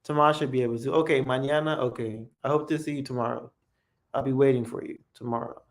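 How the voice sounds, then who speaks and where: A man's voice: mid-range voice, steady tone. A man whose first language is English, hosting a casual live practice stream and answering viewers in English and Spanish. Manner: unhurried, friendly, answers viewer comments.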